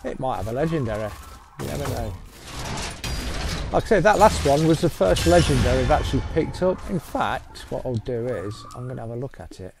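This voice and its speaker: A man's voice: medium pitch, very animated, quick pace, gravelly, few pauses, noisy background. A man giving a loose, rambling gameplay walkthrough as he plays. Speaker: gaming channel host. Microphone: voice-over on gameplay capture. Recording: game music loud behind voice. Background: game music.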